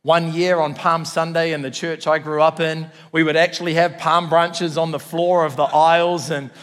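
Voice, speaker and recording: This pastor's sermon to his congregation comes in a voice on the high side and a bit bright, with flat delivery at normal speed. He has a New Zealand accent and preaches earnestly and emphatically, repeating phrases, amid long hall reverb.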